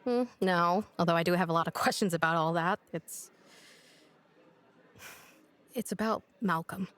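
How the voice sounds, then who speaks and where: A woman's voice: on the low side, normal speed, a bit bright, lightly acted. Actress as a blunt young woman with a dry, teasing, direct delivery, for an audio drama. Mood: earnest. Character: blunt, sarcastic young woman, grieving sister. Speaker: [name].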